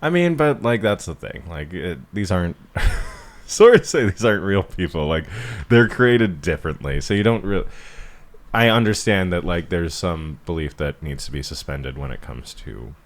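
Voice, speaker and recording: A man co-hosts a podcast, talking casually about books with a friend in a rambling, joking way. His voice sits low, is expressive, and moves at a moderate pace.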